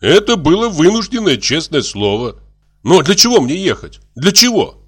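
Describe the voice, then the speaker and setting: A man's voice: fairly high pitch, sing-song, normal speed, fairly bright tone, husky, pitched above the performer's own voice, full character voice. A man voicing an irritable country doctor who complains that he does not want to go. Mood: protesting.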